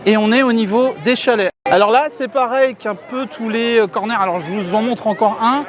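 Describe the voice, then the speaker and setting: A man's voice: sits high, moderate pace. A middle-aged man chatting to viewers as his friends while walking through a theme park for his vlog, filmed on a handheld camera. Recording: outdoor crowd and faint music behind.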